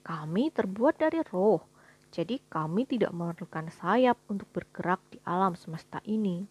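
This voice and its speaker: In a storybook reading, a woman voices a calm, patient angel who explains things evenly. Her voice is breathy and medium-pitched, at a moderate pace.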